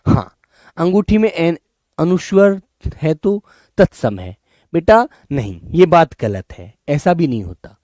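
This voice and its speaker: A man teaching in a live online class, coaxing his students and drilling words by repeating them slowly. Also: on the high side, very animated, a little mellow, dry recording, studio quality. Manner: coaxing, addresses students as children and brothers. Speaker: Hindi teacher.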